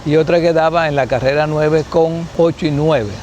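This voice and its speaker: In a recorded interview, a sociologist from Colombia in his seventies reminisces, pausing, restarting, and using tag questions as he thinks aloud at an unhurried pace. His steady, darkish voice sits a little high for a man, with a faint background hum beneath it.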